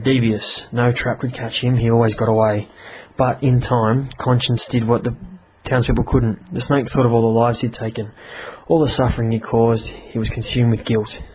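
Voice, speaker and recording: Male podcaster, casual comic review, flat delivery, stop-start with fillers. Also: medium pitch, a little hiss or hum, low-quality recording. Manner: chatty, halting with many fillers. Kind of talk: casual review and story reading.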